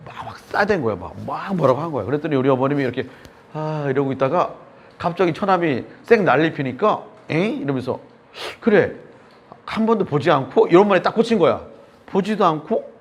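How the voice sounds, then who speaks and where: A man preaching a sermon, telling a personal story in an animated way and acting out the voices of the people in it. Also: fairly high pitch, fast talker. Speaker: pastor. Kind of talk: sermon testimony.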